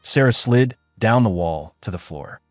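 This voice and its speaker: A man's voice: on the low side, animated, unhurried, dry recording, studio quality, soft background music. A man narrating a dramatic story in a scripted, storytelling reading.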